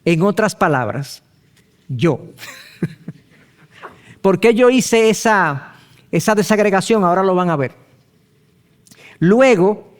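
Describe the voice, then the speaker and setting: A male pastor teaching a Bible study, explaining step by step, asking rhetorical questions and spelling terms out slowly. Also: high-pitched, darkish tone.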